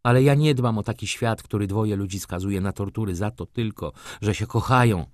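A man voicing a gentle young woman in an audiobook, speaking in an impassioned, hard tone. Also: lowish voice, a little fast, no room sound, studio quality, natural voice.

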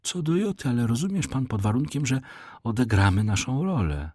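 A man's voice: medium pitch, very animated, brisk, a little mellow, no echo, studio quality, voice pushed up. A man voicing a solemn, pompous aging Italian major posing as a father, in an audiobook reading. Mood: solemn, sly. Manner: solemn, declaiming.

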